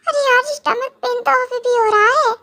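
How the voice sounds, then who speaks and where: A woman's voice: extremely high pitch, steady tone, brisk, sharp tone, heavily acted. A young woman voicing a naive, childish young wife in an amateur audio drama, whiny and speaking of herself in the third person. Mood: confused.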